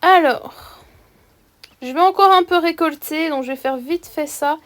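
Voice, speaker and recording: A woman's voice: high voice, a little slow, a bit bright. A young woman chatting casually over her gameplay, upbeat and full of fillers and restarts. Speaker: gaming YouTuber.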